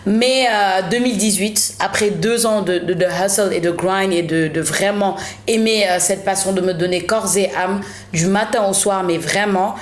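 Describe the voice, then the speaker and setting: A Senegalese journalist and TV presenter in her thirties tells her story in a casual interview chat, slipping in English phrases. She has a mid-range voice at a moderate pace, and the recording has a roomy studio sound.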